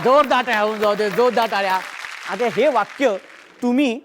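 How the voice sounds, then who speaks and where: A woman's voice: on the high side, moderate pace, noisy background. A woman with a Marathi accent hosting a studio game show, cheering on contestants and coaxing the audience to clap. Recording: stage show with music and crowd.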